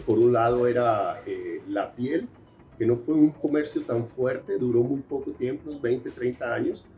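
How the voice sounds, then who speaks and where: A Colombian researcher, appearing as a guest, answers interview questions in a mellow, mid-range voice, with lots of fillers and restarts. His Colombian Spanish accent carries traces of Brazilian Portuguese from years spent in Brazil.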